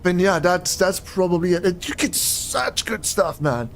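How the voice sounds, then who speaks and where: A man's voice: high voice, lively intonation, measured pace, slight background noise. A young man streaming a game, chatting in a rambling way and often getting puzzled, recorded on a desk microphone at home. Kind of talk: casual live-stream chat while playing.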